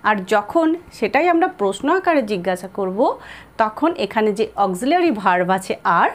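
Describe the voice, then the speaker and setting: A woman with a Bengali accent teaching spoken English, repeating example sentences slowly and spelling words out letter by letter. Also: mid-range voice, big pitch swings.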